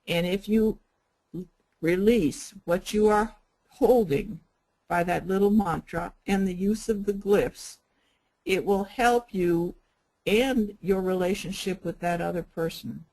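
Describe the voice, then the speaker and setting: An older woman leads a spiritual healing workshop in a mid-pitched voice. She speaks gently and without hurry, repeating and spelling out her points patiently. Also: takes it slowly, rough recording. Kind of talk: teaching a workshop.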